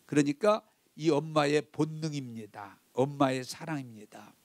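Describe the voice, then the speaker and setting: A man's voice: fairly high pitch, moderate pace, no echo. A male pastor preaching a sermon, telling a story with feeling and speaking straight to the congregation. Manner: emotive storytelling, addressing the congregation directly.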